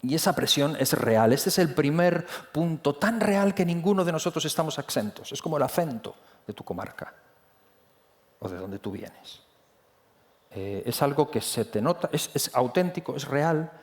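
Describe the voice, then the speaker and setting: A man preaches a sermon in a loose, conversational way, with many restarts and asides. His voice sits a little high for a man. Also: expressive, moderate pace. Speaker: pastor. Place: church hall.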